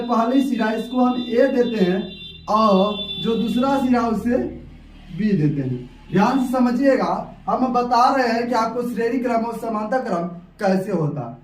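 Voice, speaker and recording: A man's voice: very high-pitched, measured pace, a little mellow, recorded from a distance. A young man teaching a science lesson at a whiteboard, explaining step by step and repeating key terms. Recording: echoey room, off-mic.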